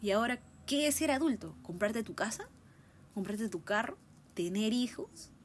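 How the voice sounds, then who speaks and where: A woman in her twenties thinking aloud in a relaxed monologue, musing and often ending her points with a questioning tag. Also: fairly high pitch, normal speed, breathy edge. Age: 20s. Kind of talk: reflective casual monologue.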